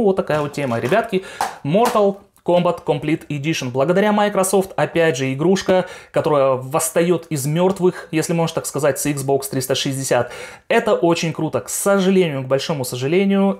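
A man's voice: on the high side, a little mellow. A young adult man hosting a game collection video, talking informally and with opinions straight to his viewers. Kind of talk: casual chat to viewers.

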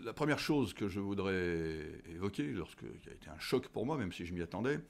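Deep-voiced man, deliberate and halting. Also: expressive. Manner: deliberate, hesitant with frequent fillers and restarts. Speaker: guest, history teacher. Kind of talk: measured interview answers. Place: indoor office with tall window. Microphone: desk studio microphone.

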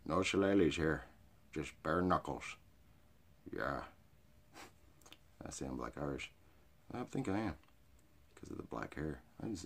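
Very deep, gravelly rowdy redneck man. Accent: American, hick drawl. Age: middle-aged. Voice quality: gravelly, raspy. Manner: rowdy redneck talk, crude and folksy. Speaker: comedian. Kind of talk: rambling off-the-cuff sit-down comedy monologue to camera. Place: small cluttered indoor storage room or workshop. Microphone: phone or webcam at arm's length.

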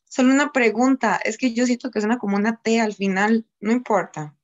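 A woman's voice: fairly high pitch, fairly even intonation, fairly quick, muffled recording. A woman student politely asking a hesitant question in an online class.

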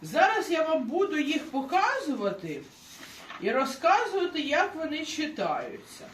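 A woman teaching a beginner language lesson, explaining slowly and patiently with examples. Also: high voice, sing-song, echoey room, slight background noise.

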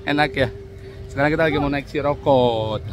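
A man's voice: mid-range voice, a little fast. A middle-aged man, chatting casually and playfully for a vlog on a handheld phone. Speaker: vlogger. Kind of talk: casual vlog chat with partner. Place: amusement park rides, queues and paths, mostly outdoors or under canopy. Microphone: handheld phone at arm's length. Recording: busy amusement park noise, music behind.

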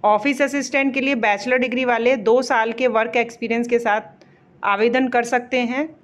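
A woman explaining a job vacancy notice in a casual walkthrough, pausing on fillers and reading official names slowly. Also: fairly high pitch, steady tone. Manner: explanatory, repeats fillers and pauses mid-phrase; reads English names slowly, word by word.

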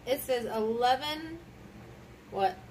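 Sharing a picture book with a child, a woman talks casually, prompting with questions and letting out exclamations. She speaks slowly in a fairly high voice with a somewhat dark tone. Background noise comes through clearly on a distant microphone.

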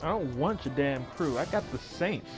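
A man's voice: a little high, animated, normal speed. Sarcastic man commenting on his gameplay. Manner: offhand, sarcastic, swears freely. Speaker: gamer doing a walkthrough. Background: game music and gunfire.

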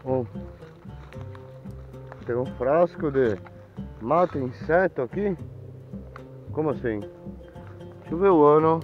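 A man's voice: a little high, lively intonation, slow pace, long pauses, faint music behind. A middle-aged Brazilian man talking casually to viewers as he explores outdoors, making informal remarks while looking around. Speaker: vlogger. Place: outdoors in overgrown woodland. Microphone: handheld camera at arm's length. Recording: dull lo-fi outdoor camera sound.

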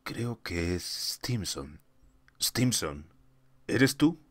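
A tense astronaut calling out to his crew, played by a male reader. The voice stays deep and unhurried, with an urgent edge. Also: sing-song, no room sound, exaggerated voice. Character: tense male astronaut trying to stay in control.

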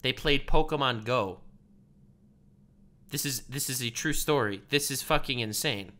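A man livestreaming excitable, incredulous, profane commentary as he reacts to footage. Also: medium pitch, a little slow.

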